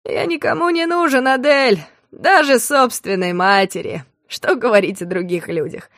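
A woman voicing a desperate, drunk young man who makes a hushed, broken confession in an audiobook story. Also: a little high, normal speed, no room sound, clean studio sound. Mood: despairing.

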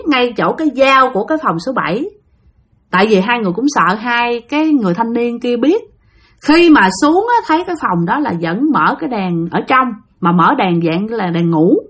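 A woman's voice: fairly high pitch, expressive, normal speed, a bit bright. A woman narrating a ghost story in a chatty way, often speaking straight to her listeners. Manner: chatty, addresses listeners directly.

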